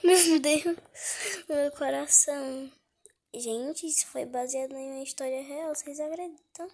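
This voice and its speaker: A gaming channel host with a cold gives casual commentary on her gameplay. Her voice sits high and a little mellow, and she keeps a measured pace. She's chatty and easily startled, often dropping into a whisper.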